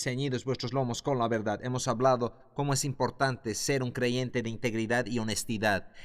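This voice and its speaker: A man teaching a Bible class in a fervent preaching style, building to loud exclamations. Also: mid-range voice. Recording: long hall reverb.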